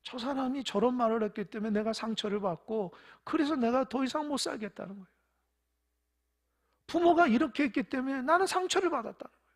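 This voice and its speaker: A pastor delivers a sermon in church, telling parables and putting questions to the listeners. The delivery swings from loud, emphatic stresses to hushed, near-whispered asides. The voice is husky with a gravelly rasp. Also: sits high, quick pace. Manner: tells parables, asks the congregation questions.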